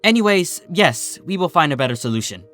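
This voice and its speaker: A man voicing a regal, gentle pony princess in a storybook reading, with formal, old-fashioned phrasing. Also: on the high side, very animated, fairly quick, soft background music, pitched above the performer's own voice. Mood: earnest. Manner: formal, archaic turns of phrase.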